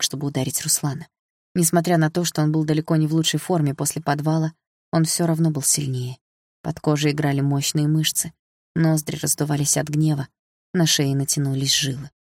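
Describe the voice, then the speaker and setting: Low-voiced woman reading an audiobook. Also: no echo, clean studio sound. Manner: calm, reflective storytelling. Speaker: audiobook narrator. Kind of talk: first-person scripted narration.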